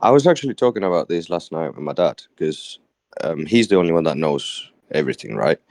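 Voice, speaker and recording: A British man with a very deep voice talks over a trading stream, musing and rambling at an easy pace. The sound is close and dry, with no room around it. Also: lively intonation, a little fast, vocal fry, darkish tone, no room sound. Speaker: fellow trader on stream. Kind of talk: casual stream chat.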